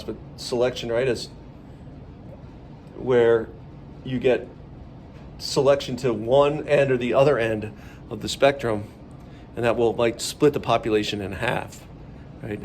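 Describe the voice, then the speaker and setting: A man's voice: mid-range voice, fairly even intonation, moderate pace, slight background noise. A man teaching a biology lesson in a chatty, upbeat way, rambling a little as he explains. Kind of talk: casual classroom video lesson.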